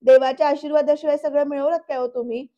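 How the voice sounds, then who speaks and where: A woman's voice: sits high, steady tone, fast, warm tone, lo-fi sound, natural voice. A woman reading the lines of a devout, outspoken young wife in a serial recap, firm and questioning.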